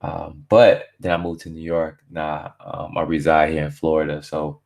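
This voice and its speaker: A man from Barbados rambling casually on a live stream, laid-back and slangy, full of filler phrases and shout-outs. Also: a bass voice, level tone, moderate pace, creaky.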